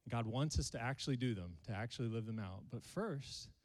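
A man's voice: medium pitch, animated, brisk, long reverb tail. A male pastor, preaching a sermon to his congregation and joking with them. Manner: playful, jokes with the congregation.

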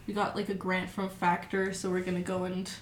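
A woman's voice: lowish voice, monotone, fairly quick. A woman in her late teens from a rock band, chatting casually and saying like a lot. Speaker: band member. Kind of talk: casual interview chat. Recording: echoey room with crowd noise.

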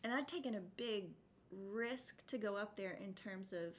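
A woman's voice: mid-range voice, moderate pace, slight background noise. A woman from West Texas with a drawling twang, telling stories casually as a podcast guest. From West Texas, United States. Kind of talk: casual interview storytelling.

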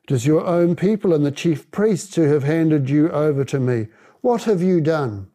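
A man's voice: a little high, animated, normal speed, mellow, close to an everyday voice. A man voicing a stern, questioning male Roman governor in a scripture reading.

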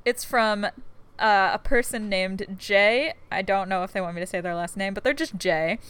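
A woman's voice: medium pitch, moderate pace, fairly bright tone, clean tone, no room sound. A young woman co-hosting a casual animal podcast, giggly and reading listener mail aloud. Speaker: podcast co-host. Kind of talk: casual chat.

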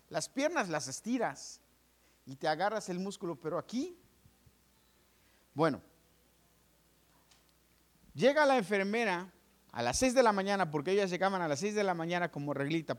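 A man preaching, telling his own hospital story to the congregation, calling them brothers and acting out each voice. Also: a little high. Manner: animated storytelling, addresses listeners as brothers; acts out dialogue with doctors and nurses. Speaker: pastor. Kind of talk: sermon testimony.

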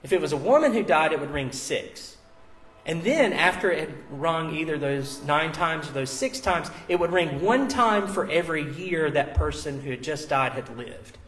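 A man's voice: a little high, lively intonation, moderate pace, fairly bright tone. A man preaching as a pastor in a conversational, informal and explanatory way, with casual asides, at a live church service. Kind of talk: conversational sermon.

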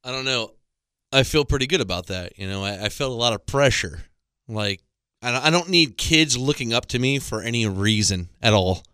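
A man's voice: medium pitch, expressive, moderate pace, sharp tone, clean tone, dry recording, studio quality. Exasperated man ranting about coaching. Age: 30s. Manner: rambling, exasperated storytelling with self-mocking asides. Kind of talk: comedic monologue. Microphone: studio microphone.

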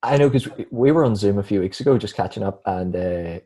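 Low, husky Northern Irish man. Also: expressive, fast, warm tone. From Northern Ireland. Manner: hesitant, many ums. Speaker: podcast co-host, church worker. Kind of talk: casual chat.

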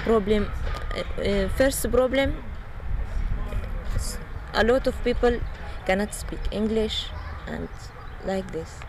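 A young woman from Syria speaks earnestly in halting English with a Syrian Arabic accent, her voice sitting at an ordinary pitch. She is recorded outdoors in a camp, with clear ambient noise behind her. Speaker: refugee interviewee. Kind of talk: casual interview. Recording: noisy outdoor field recording.

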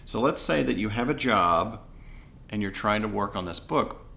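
A man's voice: fairly low pitch, animated, moderate pace, creaky, bright, forceful tone. A man co-hosting a podcast in a casual, giggly chat. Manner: giggly, easygoing, chatty. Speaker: podcast co-host.

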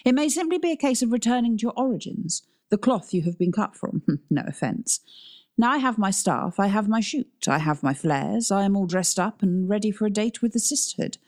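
A woman's voice: mid-range voice, expressive, fairly quick, a little mellow, pitched above the performer's own voice, close to an everyday voice. A woman reading a storybook, voicing a restless, defiant male caretaker who speaks with agitation. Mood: agitated. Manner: restless, impatient. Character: agitated man, defiant caretaker, deep-toned.

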